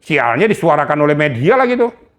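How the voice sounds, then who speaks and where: A man's voice: fairly high pitch, big pitch swings, a little fast, fairly bright tone. Indignant older man scolding hard. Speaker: retired police general, guest. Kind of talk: heated interview talk.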